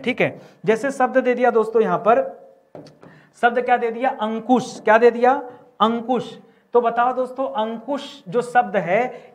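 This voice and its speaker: A man teaching a grammar lesson for exam preparation. He repeats key words and quizzes students with rhetorical questions. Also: extremely high pitch.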